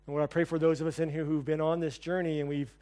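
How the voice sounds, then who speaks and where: A man with a slightly high voice speaks quickly and warmly, his pitch barely moving. He's a pastor wrapping up a sermon and leading the church in prayer, earnest and building his lines through repeated phrases in a praying cadence.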